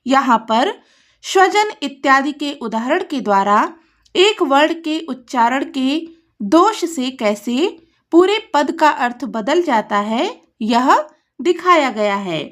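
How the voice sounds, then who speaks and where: Woman tutor going thru a textbook lesson, high voice, takes it slow, reads a word then explains it. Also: lively intonation, fairly bright tone. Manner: reads each word slowly, then glosses it.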